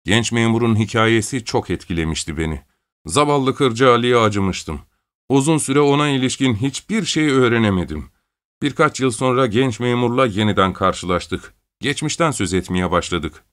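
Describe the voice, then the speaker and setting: A man narrates an audiobook in a mid-range voice. His reading is measured and scripted, paced like a storyteller. He lifts his voice slightly when quoting the characters. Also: mid-range voice, expressive, a bit bright.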